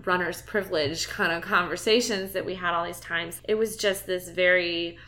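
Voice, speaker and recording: Earnest bright-voiced woman host. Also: fairly low pitch, steady tone, moderate pace. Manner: earnest, reflective. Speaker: podcast host. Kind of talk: casual heartfelt conversation.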